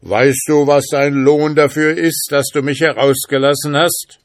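A man voicing a huge, boastful bottle spirit who threatens in a loud, raised voice. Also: little pitch movement, unhurried, no room sound, studio quality, natural voice. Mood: menacing. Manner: booming, threatening, later pleading.

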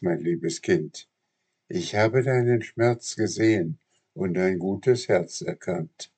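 A man's voice: on the low side, slightly rough, exaggerated voice. A man voicing a wise, motherly fairy. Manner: gentle, admonishing.

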